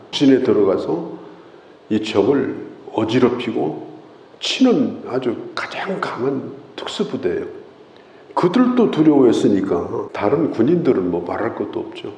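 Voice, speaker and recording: A man's voice: mid-range voice, lively intonation, normal speed, vocal fry, warm tone, reverberant. A male pastor giving an early-morning Bible sermon, telling the story with sudden emphatic rises and closing in prayer.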